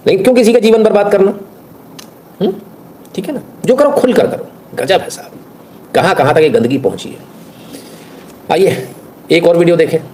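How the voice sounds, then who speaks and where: A man's voice: fairly high pitch, mellow. A man giving scornful, blunt reaction commentary on viral videos, ranting with mocking asides.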